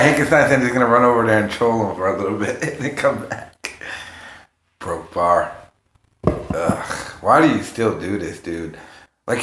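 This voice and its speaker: A livestream host with a medium-pitched, somewhat bright voice chats casually and profanely, rambling and jumping from one topic to another. The room sound is roomy and echoing.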